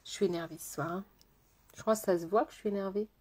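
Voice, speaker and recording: A woman, a makeup artist, chatting casually with viewers on a live stream as she works, greeting them by name and often repeating herself, sometimes slowing to a soft, hypnotic tone. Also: mid-range voice, steady tone, husky.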